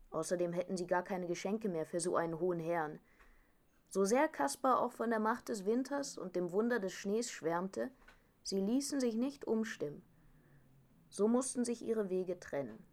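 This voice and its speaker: A woman narrating a storybook tale aloud in a calm, gently expressive reading voice. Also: medium pitch.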